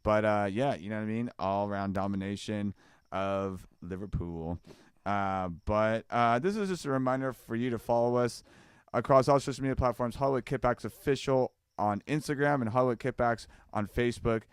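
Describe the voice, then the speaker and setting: A man's voice: fairly low pitch, steady tone, normal speed, clear, resonant tone, no room sound, studio quality. A man hosting a casual football podcast, rambling loosely with restarts and asking "you know what I mean?". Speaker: podcast host.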